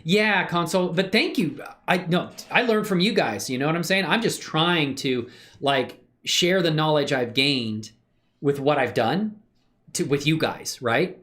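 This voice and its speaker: The host of this casual 3D animation livestream speaks a little slowly in an animated, somewhat bright voice on the high side. He chats with viewers, relaxed, slangy and appreciative, thinking aloud while working.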